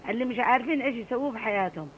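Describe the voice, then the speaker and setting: Here a middle-aged woman with an Adeni Arabic accent, originally from Aden in Yemen, rings in to a call-in show and speaks with fervent emphasis. Her rather high voice comes rapid-fire through dull audio, with a loud crowd behind her.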